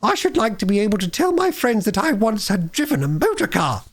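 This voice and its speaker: A man voicing a boastful, reckless male toad disguised as a washerwoman, with a high, feeble put-on voice that swells into loud swaggering boasts. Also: wildly swooping pitch, a little fast, exaggerated voice. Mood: wheedling.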